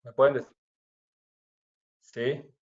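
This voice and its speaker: A man teaching over a glitchy internet call, his voice breaking up and turning robotic as it comes through. His stays clear under the muffled, lo-fi sound. He keeps his explanations patient and steady, with frequent quick check-ins to the class. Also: medium pitch. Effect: choppy, robotic-sounding video call audio. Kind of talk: online class lecture. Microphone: video call from home.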